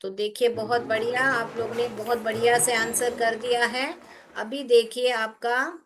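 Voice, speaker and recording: A woman's voice: on the high side, level tone, unhurried, noisy background. A woman teaching an English grammar lesson in an online class, patiently spelling words letter by letter for her pupils.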